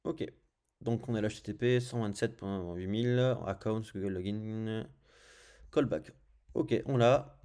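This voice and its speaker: Tutorial host: male, French accent, deep-ish warm tone, relaxed screen-share narration full of small fillers. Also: measured pace. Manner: thinks aloud while clicking through screens, frequent "hop" and "euh". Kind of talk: casual screencast coding tutorial.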